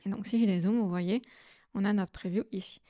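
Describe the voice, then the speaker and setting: Casual woman walking through software steps. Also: mid-range voice, steady tone, brisk, dry recording, clean studio sound. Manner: casual, step-by-step explaining with fillers. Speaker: astrophotography tutorial host. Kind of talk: screen-recorded software tutorial.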